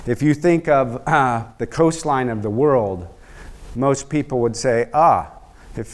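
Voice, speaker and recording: Middle-aged male lecturer, explanatory, analogies, lectern mic. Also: medium pitch. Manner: explanatory, uses analogies, some fillers. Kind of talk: university lecture. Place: large lecture hall.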